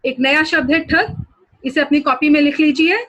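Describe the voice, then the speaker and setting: High-voiced woman teacher explaining a story. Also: steady tone, moderate pace, fairly bright tone, dull audio. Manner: explanatory, reads passages then explains words. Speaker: school teacher. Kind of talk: online Hindi lesson, reading and explaining a story.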